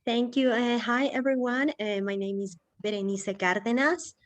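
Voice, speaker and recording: A woman's voice: fairly high pitch, moderate pace. A woman from Ecuador, a guest writer, talking chattily with many fillers at an online panel.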